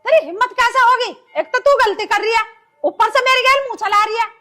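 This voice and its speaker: A woman's voice: very high voice, a little fast, pushed and bright. A woman playing a nagging village mother-in-law. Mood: scolding. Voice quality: scolding, nagging rural speech. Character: sharp-tongued bossy village mother-in-law. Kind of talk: rural comedy drama acting.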